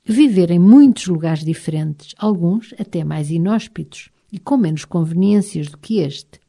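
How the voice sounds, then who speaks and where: Woman, European Portuguese accent, audiobook narrator, low voice, very mellow dark tone, measured expressive reading. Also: gravelly. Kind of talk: scripted first-person audiobook narration.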